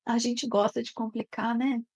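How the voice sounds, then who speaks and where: The recording is muffled, capturing a woman's fairly high, darkish voice in a level tone at normal speed. She is a therapist teaching a live online course, talking conversationally and often checking in with her audience.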